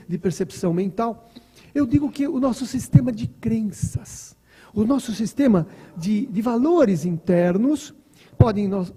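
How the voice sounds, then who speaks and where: A man's voice: high-pitched, warm tone, slightly rough. A Brazilian man, a doctor, giving a conversational spiritist lecture full of stories, asides and repeated words. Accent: Brazilian Portuguese.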